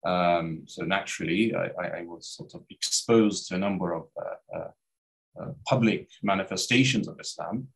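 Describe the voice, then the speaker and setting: This guest scholar, a man in his thirties from Iraq, speaks over a webcam during a video-call interview from a study lined with bookshelves. His low, gravelly voice moves at a moderate pace, and he hesitates with many fillers and restarts. The recording quality is low.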